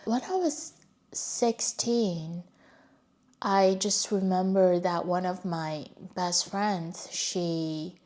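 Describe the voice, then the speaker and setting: A young Chinese woman, a native Mandarin speaker with a Chinese accent, recounts her life story as a vlogger, candid and reflective. Her fairly low voice is a little mellow and moves extremely slowly.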